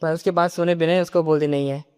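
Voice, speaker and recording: A man narrates a comic recap in a rapid, clear, smooth voice. His pitch sits a little high and hardly moves, and a long reverb trails each line. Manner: rapid, even delivery, voicing every character in his own voice. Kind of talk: fast story recap narration.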